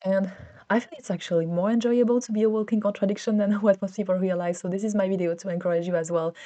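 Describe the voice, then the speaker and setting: A woman in her thirties from France, speaking with a French accent, chats casually to the camera in a solo vlog. Her mid-range voice is fast, steady and dark in tone, and her chatty delivery is full of fillers and frequent restarts.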